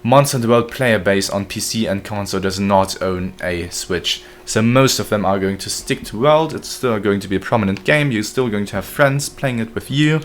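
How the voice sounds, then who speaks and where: Low-voiced man streaming a game. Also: normal speed, few pauses. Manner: joking, chatty, reads chat aloud. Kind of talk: live gameplay commentary.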